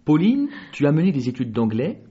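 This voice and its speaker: A man hosting a radio interview, asking questions with animated emphasis. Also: fairly high pitch, fairly quick, breathy edge, highs cut off. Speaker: radio host.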